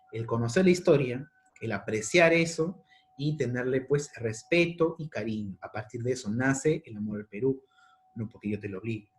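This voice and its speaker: With a medium-pitched, darkish voice, a male history teacher talks casually through a lesson for secondary students, musing aloud, rewording his points, and frequently asking "¿de acuerdo?".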